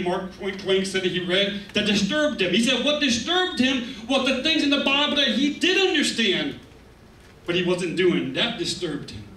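A middle-aged pastor with a very high, pushed, bright voice preaches a conversational, emphatic sermon, tossing asides to the congregation. He holds a handheld mic on a church stage in a medium-sized indoor hall, recorded by a camera set far back in an echoey room.

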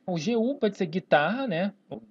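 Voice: medium pitch, lively intonation, normal speed, slightly rough. A teacher with a Brazilian accent giving a whiteboard grammar lesson. They stretch words out syllable by syllable and keep checking in with "né?" and "tá, pessoal?". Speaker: Portuguese teacher. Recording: dull lo-fi recording.

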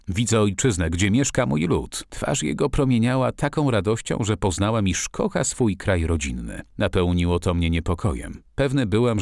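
Expressive male audiobook narrator. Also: deep voice, dry recording, clean studio sound. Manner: expressive storytelling reading.

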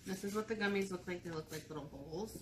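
A woman's voice: lowish voice, quick pace. A woman in her thirties chatting casually with a child, explaining things and asking simple questions, recorded at a table indoors. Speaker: mother co-hosting a candy review with her child. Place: indoors at a table in a home room. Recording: roomy, noisy home phone-camera recording.

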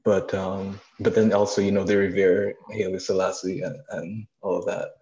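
A young man from Barbados, chatting casually as a participant on a video call, relaxed with fillers. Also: low-pitched, normal speed, highs cut off. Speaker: audience participant. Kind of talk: casual discussion.

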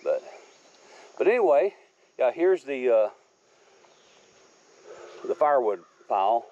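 This homesteader takes it slowly, his dark, mid-range voice sing-song as he wanders his wooded property and chats easily with a handheld camera rolling. The outdoor sound is a bit dull, backed by crickets and insects.

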